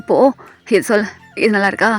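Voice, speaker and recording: A woman voicing a cocky, possessive young man who speaks low and firm in a storybook reading. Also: steady tone, fairly quick, faint music behind, lightly acted. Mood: teasing.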